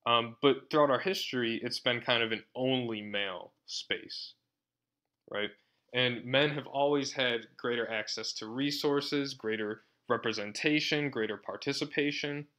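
Speaking a little slowly, a man with a sharp-toned, medium-pitched voice gives a university lecture. His delivery is conversational and sarcastic, punctuated often by "right?"

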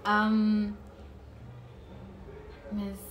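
Music plays behind a young South African woman, a YouTuber in her twenties, as she talks casually to camera indoors in her living room and drifts into playful asides. Her medium-pitched voice is monotone and extremely slow.

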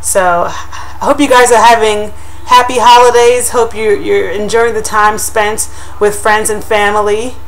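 A young woman chats upbeat to her webcam in her home kitchen, reviewing a pie crust shield for a casual product vlog. Her medium-pitched voice barely moves in pitch and runs a little slow. The built-in webcam mic sits close to the camera, and the recording quality is low.

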